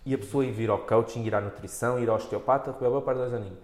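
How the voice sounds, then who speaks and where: Casual male podcast voice, European Portuguese accent, mid pitch, exploratory and halting, roomy sound. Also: steady tone, darkish tone. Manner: hesitant, thinking aloud, acts out clients' remarks. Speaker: interviewer and body practitioner. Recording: echoey room.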